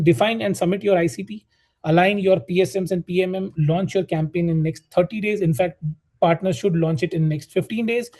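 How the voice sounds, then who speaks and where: A man's voice: a little high, mellow. A man presenting a business webinar as strategy director, speaking hesitantly with many fillers and restarts.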